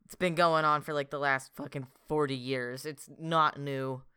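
Young man with a clear, bright voice. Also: on the high side, fairly even intonation, normal speed, no room sound, studio quality. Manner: rambling, swears casually, lots of "like". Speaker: podcast co-host. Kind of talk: casual chat.

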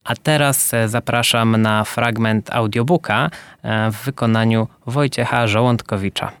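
A man hosting a book podcast, wrapping up an interview in a relaxed, polite way. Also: medium pitch, a little slow, smooth. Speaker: podcast host. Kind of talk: interview wrap-up.

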